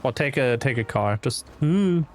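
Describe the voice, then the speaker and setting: A man's voice: mid-range voice, animated, normal speed, a little hiss or hum. A man giving casual livestream commentary as he plays, rambling along with muttered asides. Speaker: game streamer.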